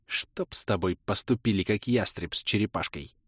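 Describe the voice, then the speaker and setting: A man's voice: on the low side, normal speed, fairly bright tone, slightly rough, dry recording, studio quality. A man voicing a stern, commanding noblewoman who speaks sharply and hisses.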